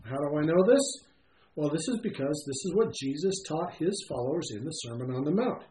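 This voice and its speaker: A man preaching a sermon, his voice sitting a little higher than most and swinging widely in pitch as he presses each point. He pauses often and fills the gaps with soft fillers. The room around him rings with echo, over a faint hiss. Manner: animated preaching with frequent "uh" fillers and emphatic pauses. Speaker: pastor.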